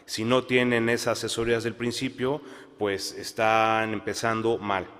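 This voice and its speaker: A man speaking on a conference panel, measured, with fillers and restarts. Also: mid-range voice, little pitch movement, a bit bright. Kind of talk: panel discussion. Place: conference hall. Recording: long hall reverb.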